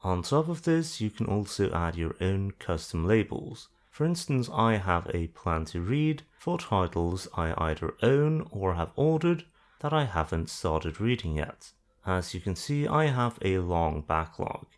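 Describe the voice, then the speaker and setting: In a low voice that is very animated yet a little slow, with hardly any pauses, a man talks through a screen tutorial. He keeps it plain and dry, tossing in offhand jokes at his own expense.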